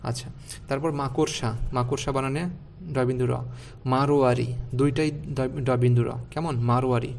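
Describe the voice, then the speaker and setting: A man with a gravelly, fry-edged voice teaches an online spelling class. He is patient and repetitive, saying each word twice and checking in with his students. His pitch sits in an ordinary middle range. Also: fairly even intonation, normal speed, a little mellow, slight background noise. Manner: patient, repeats words and checks with "okay?".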